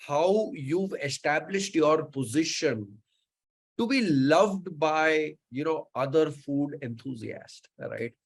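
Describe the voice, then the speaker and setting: The host, a man from Mumbai speaking Indian English, keeps his live online show casual, with lots of fillers and words repeated three times. His pitch is fairly high and creaky, and the audio is poor.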